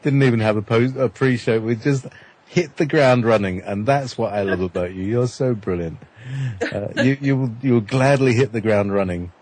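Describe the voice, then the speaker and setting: A man's voice: mid-range voice, moderate pace, a little mellow. A man hosting an informal radio chat, joking and rambling with many restarts. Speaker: radio show host.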